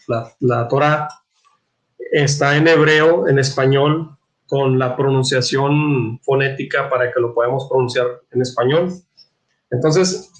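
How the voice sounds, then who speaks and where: A man teaching a catechism class, reading scripture aloud and explaining it with many restarts, throat clearing and questions to his listeners. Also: mid-range voice, low-quality recording. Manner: halting, repeats words, frequent throat clearing, asks "¿verdad?".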